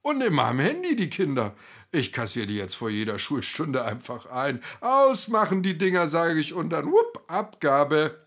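A man doing booming jovial old buddy. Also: wildly swooping pitch, moderate pace, fairly bright tone, exaggerated voice. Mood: boisterous. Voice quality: booming, hearty laugh. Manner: boisterous, chummy, talks over others. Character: loud jovial middle-aged male vocational teacher.

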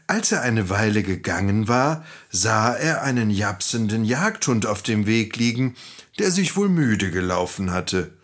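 A man reading a fairy tale aloud to children, in a gentle, expressive and friendly way. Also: lowish voice, measured pace.

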